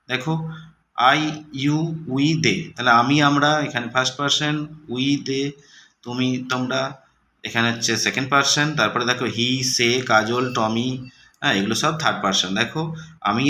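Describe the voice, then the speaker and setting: A man teaching an English lesson for children, reading each English example slowly and then explaining it. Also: medium pitch, pushed and bright. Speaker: tutor. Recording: echoey room with faint noise.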